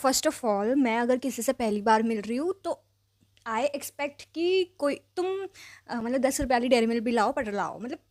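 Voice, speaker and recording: A young woman telling a personal story in a chatty, animated vlog style, dropping English phrases in and leaning on fillers. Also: a little high, unhurried, no room sound, studio quality. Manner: mixes English phrases into speech. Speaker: vlogger. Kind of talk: casual storytelling.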